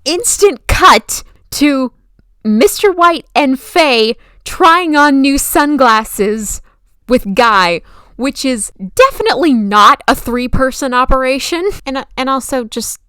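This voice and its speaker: Gushing woman with a clear, dry-recorded voice. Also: sits high, lively intonation, slow, sharp tone, no echo. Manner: gushing, emphatic, casually opinionated. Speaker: video essayist and film commentator. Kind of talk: enthusiastic film commentary, conversational.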